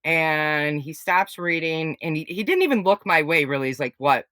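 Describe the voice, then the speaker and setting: A blunt, outspoken woman in her forties tells stories in a casual podcast chat. Her voice sits low but swings widely as she acts things out. The recording is dry and close. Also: moderate pace, dry recording. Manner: blunt, animated storytelling with swearing. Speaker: guest.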